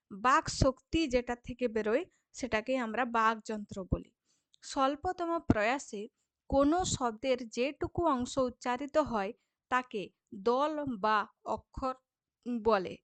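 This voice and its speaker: Woman teacher, high voice, dry close sound, patient explainer who stretches words into syllables. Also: no echo. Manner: frequent checking fillers to students. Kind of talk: Bengali grammar lesson for school students.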